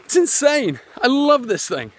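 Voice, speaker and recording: Here the man's voice is very high with big swings in pitch, and his pace is a little slow. He's an internet marketer rambling through a live-streamed walking vlog on his phone, full of fillers and restarts, as he walks his land outdoors.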